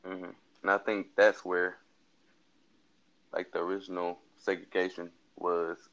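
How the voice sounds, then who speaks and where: Tired, very deep-voiced young man. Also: level tone, fairly bright tone, lo-fi sound. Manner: laid-back, hedging, unhurried. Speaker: co-host. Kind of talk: casual late-night chat.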